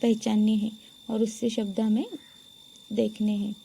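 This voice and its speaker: A woman teacher giving a lesson to young pupils, slowly sounding out words one by one and repeating them for the class. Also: mid-range voice, flat delivery, vocal fry, warm tone, a little hiss or hum. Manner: slow, deliberate, repeats each word for pupils to follow.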